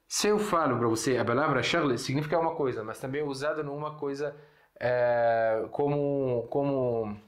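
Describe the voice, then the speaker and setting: A man's voice: mid-range voice, normal speed. Male language teacher from Syria, mid-range voice, patient and repetitive, recorded in an echoey room. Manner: patient, repeats words and checks in with "né?". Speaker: Arabic teacher. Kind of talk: casual language lesson. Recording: roomy echo.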